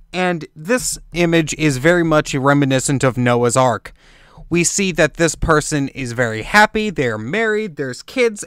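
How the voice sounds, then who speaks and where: A man's voice: on the high side, a bit bright, clear, resonant tone, no echo, clean studio sound. A young man giving a rambling, informal lesson, repeating his points for emphasis and swearing offhand. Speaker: amateur occult teacher. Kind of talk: casual explanatory lecture.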